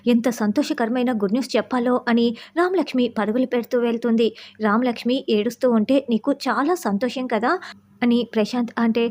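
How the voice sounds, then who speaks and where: A woman with a slightly high voice recaps a television serial. She tells the story in a steady flow and slips into the characters' lines now and then, lifting her voice for a moment when she quotes them.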